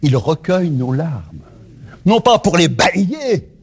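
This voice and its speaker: A man preaching a sermon to his congregation, swinging between loud rising lines and hushed low questions. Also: big pitch swings, slow pace, breathy edge.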